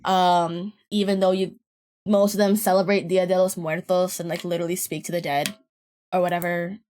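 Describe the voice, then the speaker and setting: Speaking at a moderate pace with little pitch movement and a slightly mellow quality, a young woman with a deeper voice chats as a podcast guest. Her storytelling is loose and rambling, full of laughs and swearing.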